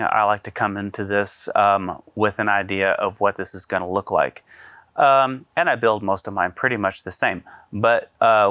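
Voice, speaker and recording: A man explains software one step at a time in an easygoing, filler-laden way. His voice sits a bit low but sounds bright and forward. The recording is close and dry, with no room sound. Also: dry recording. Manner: casual, step-by-step, frequent fillers. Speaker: AV integrator demonstrating software. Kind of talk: screen-recorded software tutorial.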